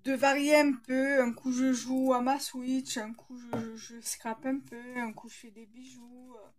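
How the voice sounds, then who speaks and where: Slow, high-voiced woman with a slight lisp. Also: flat delivery. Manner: hesitant, thinking aloud as she works. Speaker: craft tutorial host. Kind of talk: casual hands-on tutorial narration.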